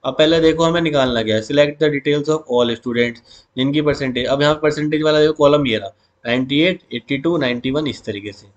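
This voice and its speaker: Over dull audio, a man whose voice runs a bit high gives a revision class before exams, repeatedly calling the students "beta." He turns important words back to them as questions and reads commands out slowly, word by word.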